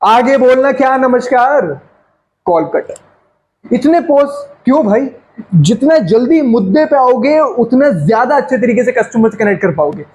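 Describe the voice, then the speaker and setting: A man coaches a class on sales. His voice sits very high for a man. He talks with lots of energy, fast and chatty, and drops English phrases into his lessons. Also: expressive, darkish tone, low-quality recording. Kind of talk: sales training lecture.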